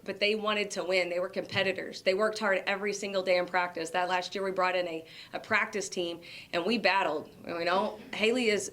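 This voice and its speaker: Woman, middle-aged, former coach, induction speech, halting, repeats words, slightly low voice. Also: a bit bright. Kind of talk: hall of fame induction speech.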